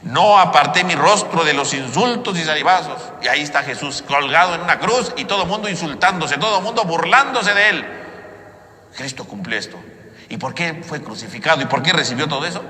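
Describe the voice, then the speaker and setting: Male priest, piercing bright tone, booming cathedral echo with long reverb. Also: lively intonation, a little fast. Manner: preaching with frequent "¿verdad?" tags. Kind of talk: homily and prayers at Mass. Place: large church. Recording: echoey church with long reverb.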